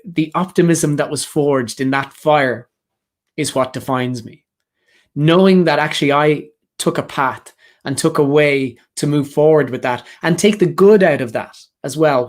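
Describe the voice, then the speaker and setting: A man presenting a live career-coaching session, talking earnestly and directly to job seekers with a lot of repetition. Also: a little high. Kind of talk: motivational live session talk.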